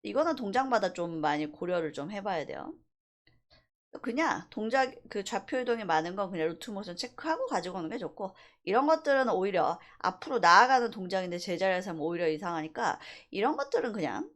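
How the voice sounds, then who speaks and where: A woman animation instructor gives a casual, explanatory screen-recorded software tutorial, moving between polite and plain speech. Her mid-range voice is sing-song and brisk.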